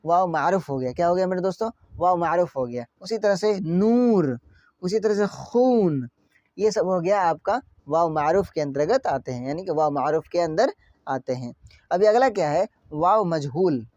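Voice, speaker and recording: A man's voice: high voice, lively intonation, normal speed, a little mellow, no room sound, dull audio. A man teaching an online grammar lesson, stretching out example words and asking his students questions again and again.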